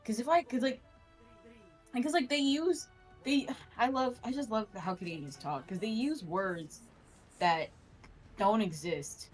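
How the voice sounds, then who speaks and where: A woman's voice: fairly high pitch, a little slow, long pauses, faint music behind. A young woman doing chatty, rambling color commentary on a college esports match. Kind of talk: live casual color commentary.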